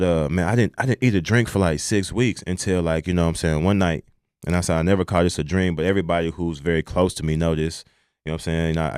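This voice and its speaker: Low-voiced Texan man telling a story. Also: darkish tone, smooth, no echo, clean studio sound. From Texas. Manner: loose and colloquial, leaning on "you know what I'm saying" and profanity. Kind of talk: personal storytelling in casual conversation.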